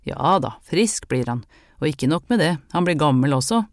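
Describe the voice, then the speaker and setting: A reader doing a gruff old healer woman. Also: mid-range voice, animated, no room sound, studio quality, natural voice. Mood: stern. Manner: gruff, matter-of-fact commands. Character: stern old woman folk healer, brusque. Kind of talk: audiobook character reading.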